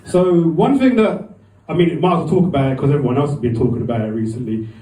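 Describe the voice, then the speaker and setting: A man in his 40s rambles through a self-deprecating stand-up set in a comedy club, acting out voices and swearing. He talks fast in a slightly high, dark-toned voice, and the mic sits far off in an echoey room with slight background noise.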